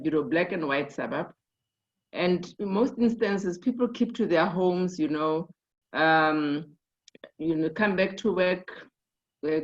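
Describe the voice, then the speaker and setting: A woman sharing her experience in a group discussion, thoughtful, with many fillers and restarts. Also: on the low side. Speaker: conference participant. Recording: dull lo-fi online call audio.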